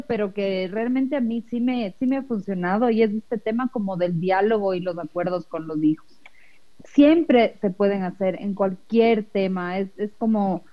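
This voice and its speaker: A woman hosting a parenting talk show, speaking in a measured way as she closes the episode. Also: medium pitch, highs cut off. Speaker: host. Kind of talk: casual radio talk.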